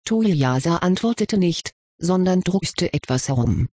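A storybook reader with a husky, middle-pitched voice, narrating in a steady, even way. The sound is dry and close, with no room around it. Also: unhurried, dry recording. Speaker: audiobook reader.

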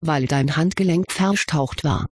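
A level-headed young wizard from a storybook, laying out his reasoning with a dry, lightly ironic edge, as a reader puts him on. The voice is a little husky and close, with no room around it. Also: mid-range voice, unhurried, darkish tone, no echo. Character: sensible, dry-witted schoolboy wizard. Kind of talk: audiobook reading of fan fiction.

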